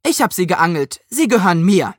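A woman voicing an eager, bossy young boy who tells the story, raising her voice high and quick for him. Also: big pitch swings, dry recording, clean studio sound. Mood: excited. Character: bold, excitable young boy narrator.

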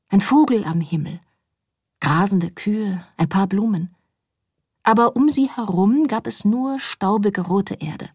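A woman narrates an audiobook calmly and with measure, often sinking to a soft hush. Her voice is husky. The recording is dry and close. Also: mid-range voice, no echo. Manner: calm, measured, often hushed.

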